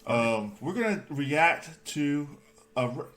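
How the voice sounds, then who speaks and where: Goofy loud male comedy co-host. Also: a little high, expressive, takes it slowly. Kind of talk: comedic banter podcast.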